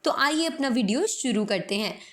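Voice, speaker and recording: High-voiced Indian woman teaching English. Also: expressive. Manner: slow, careful explaining, demonstrating phrases. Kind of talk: Hindi-language English lesson.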